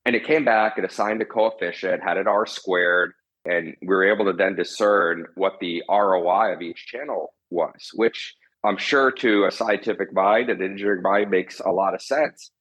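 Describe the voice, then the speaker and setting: A man with a husky voice explaining his work as an interview guest, a marketing executive. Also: low-pitched, moderate pace, a bit bright, highs cut off.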